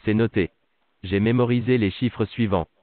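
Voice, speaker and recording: A man's voice: on the low side, fairly even intonation, moderate pace, slight background noise. A synthetic male voice playing an automated customer service voicebot that speaks polite, formulaic prompts over a phone line. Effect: synthetic text-to-speech voice. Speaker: virtual customer service agent. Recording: tinny dry phone line.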